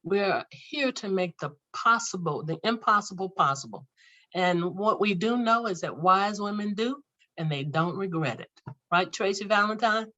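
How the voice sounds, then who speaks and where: A woman hosting an online business event, handing over to a colleague with warm praise and a few halting restarts. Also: medium pitch, muffled recording. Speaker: event host. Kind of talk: introducing a speaker.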